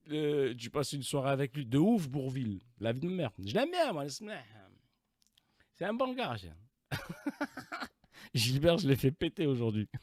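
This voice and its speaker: Lively, teasing male livestreamer. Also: medium pitch, unhurried, long pauses, dry recording, studio quality. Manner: laughs often, teasing and crude. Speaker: livestream host. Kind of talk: casual livestream chat.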